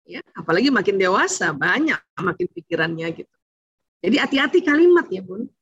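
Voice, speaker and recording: A woman's voice: mid-range voice, big pitch swings, fairly quick, husky, no room sound, highs cut off. A woman giving a chatty online talk on parenting to mothers, speaking to them directly and acting out what parents and children say.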